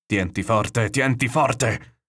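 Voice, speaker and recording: Man doing old fisherman grandfather, gruff, stern, pious, commanding, low voice, storybook reading. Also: animated, normal speed. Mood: urgent commands.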